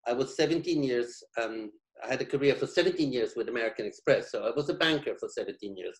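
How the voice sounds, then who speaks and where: A man's voice: medium pitch, animated, quick pace, rough recording. A middle-aged man from Belgium answering in an interview over a video call, hesitant with frequent restarts. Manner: hesitant, many restarts and fillers. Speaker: interior design studio head. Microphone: video call from a home living room.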